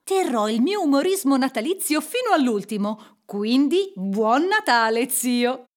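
A woman's voice: high voice, big pitch swings, unhurried. A woman voicing a cheerful young man full of good humour. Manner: bright, jovial.

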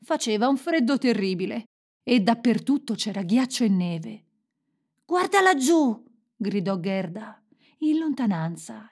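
A woman narrating a fairy tale in a gentle, expressive storytelling manner. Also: medium pitch.

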